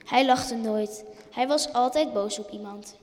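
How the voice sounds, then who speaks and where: A woman reading a children's picture book aloud in a gentle, even storybook manner. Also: on the high side, a little slow, in a large hall.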